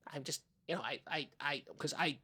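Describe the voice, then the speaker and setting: Fairly high-pitched, bright and slightly rough, this man speaks at a moderate pace with a forceful tone. He plays a sincere, easily flustered oddball co-host in improvised podcast comedy, rambling along with halting stammers.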